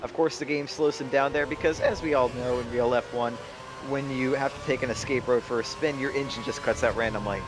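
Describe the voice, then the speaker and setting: Speaking briskly in a mid-range voice with fairly even intonation, a young man offers casual racing-game commentary peppered with jokes and the odd swear. Music plays, and game engine sounds fill the background.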